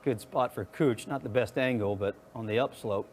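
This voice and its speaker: A man's voice: medium pitch, moderate pace, noisy background. A man commentating live on golf in short, clipped observations.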